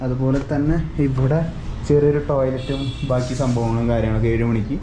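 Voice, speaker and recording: A young man with a Kerala Malayali accent chatting casually and excitably to his travel vlog viewers, mixing English words and slang into his Malayalam. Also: mid-range voice, a little fast. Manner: excitable, exclamatory, addresses viewers often. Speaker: travel vlogger. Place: mostly outdoors on town streets. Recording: noisy outdoor ambience with vehicle sounds.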